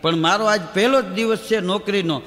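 A man telling folk jokes on stage and acting out the dialogue in quick back-and-forth quotes. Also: sits high, fairly bright tone, long reverb tail. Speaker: comedian telling village jokes. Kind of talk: Gujarati folk humor storytelling (lok dayro). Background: audience laughter.

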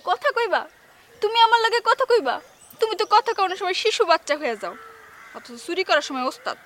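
Brief: high, quick, sharp-tongued village fiancée played by a woman. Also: lively intonation. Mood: scornful. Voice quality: scolding and blunt. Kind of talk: village comedy drama acting.

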